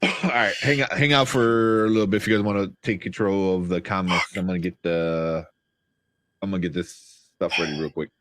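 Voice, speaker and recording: A man's voice: low-pitched, steady tone, a little fast, noisy background. A man hosting a livestream in a casual, chatty style. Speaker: livestream host. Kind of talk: casual chat.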